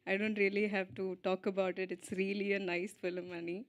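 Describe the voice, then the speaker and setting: A young woman speaking at an event on stage into a mic, switching between Telugu and English, halting with fillers and little giggles, slow and heartfelt. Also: mid-range voice, level tone. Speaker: lead actress giving a speech. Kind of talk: emotional stage speech at a film event.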